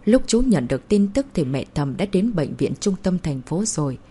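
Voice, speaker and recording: A woman voicing a reassuring middle-aged uncle in an audiobook, speaking in a hurried way. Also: sits high, very animated, mellow, breathy edge, heavily acted.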